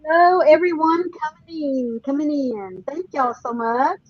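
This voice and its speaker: A woman on a video call whose voice sounds hollow and muffled, as if she were talking from inside a hole, chatting in a friendly, hurried way. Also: high voice, no echo. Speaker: guest on a live video chat. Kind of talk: casual chat. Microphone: built-in device mic on a video call. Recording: dull lo-fi video call audio.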